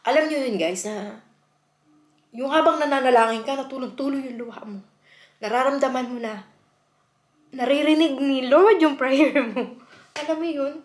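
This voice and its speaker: A woman's voice: high voice, moderate pace, long pauses. A woman from the Philippines chatting heartfelt to her viewers in a casual vlog, mixing in English and often calling them "guys". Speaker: vlogger. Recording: roomy echo.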